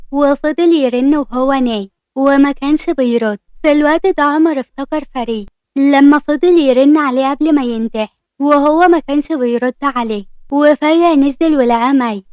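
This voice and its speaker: Fast-talking Egyptian woman storyteller. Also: high-pitched, no echo. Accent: Egyptian Arabic. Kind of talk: story narration.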